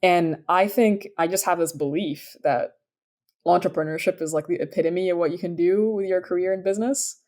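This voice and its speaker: A woman's voice: lowish voice, fairly quick, darkish tone. A woman in her thirties, originally from Sudan, answering interview questions about her career in an upbeat, enthusiastic way with frequent fillers. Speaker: startup founder, guest.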